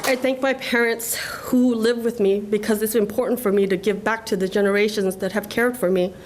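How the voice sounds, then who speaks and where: A woman's voice: mid-range voice, fairly even intonation, brisk, crowd noise, noisy background. A woman from Laos in her forties giving an earnest, emotional award acceptance speech at a podium. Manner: earnest, emotional, tearful at times. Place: government ceremony room.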